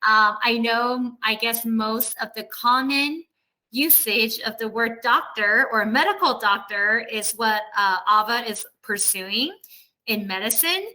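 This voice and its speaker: This woman speaks unhurriedly in a fairly high, bright and forceful voice, though the audio quality is poor. She's a professor running an online class over video call, chatting casually with students, explaining and often asking if they follow.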